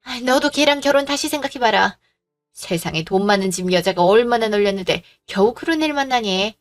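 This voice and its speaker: A woman's voice: on the high side, lively intonation, brisk, faint music behind, lightly acted. A woman voicing a pushy, greedy middle-aged mother-in-law who scolds and makes demands, in a storybook drama reading. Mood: scornful.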